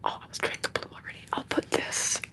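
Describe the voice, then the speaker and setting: A woman whispering casually and chattily as she hosts an ASMR livestream. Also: fast talker. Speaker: livestream host. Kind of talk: whispered ASMR livestream chat while coloring. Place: apartment room.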